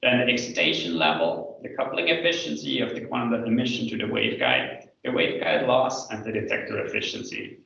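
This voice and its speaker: A man gives a hesitant, hedging academic thesis presentation over a video call, in a very echoey room and far from the microphone. His voice is low and slightly gravelly, with halting explanations. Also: very animated, sharp tone. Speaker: PhD candidate presenting thesis defense. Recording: echoey room, distant mic, dull video-call sound.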